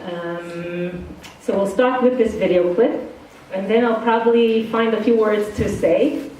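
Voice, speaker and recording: A woman's voice: mid-range voice, steady tone, unhurried, dark tone, slight background noise. Middle-aged woman with an Israeli-Brooklyn accent, echoey hall. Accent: part Israeli, part Brooklyn. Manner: frank, casual, self-deprecating. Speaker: guest speaker. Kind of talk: informal talk to students. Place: indoor study hall. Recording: very echoey hall, far from the mic.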